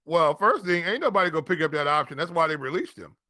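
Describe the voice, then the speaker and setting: A man co-hosts a laid-back fantasy football podcast, working as an analyst in casual sports talk. His fairly high voice moves quickly with lively intonation and a sharp edge, and he speaks colloquially, repeating phrases for emphasis. The studio-quality recording has no room sound.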